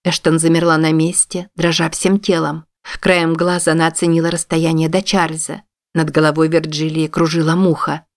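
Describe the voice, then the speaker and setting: Woman, audiobook narrator, low-pitched voice, steady scripted reading. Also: normal speed, no room sound, clean studio sound.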